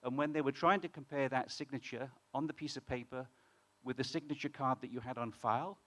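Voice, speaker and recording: This fintech founder from the United Kingdom presents on stage at a conference, chatting with a live crowd and asking them questions. His mid-range voice is a bit bright, with fairly even intonation and a slightly quick pace. He restarts his sentences many times.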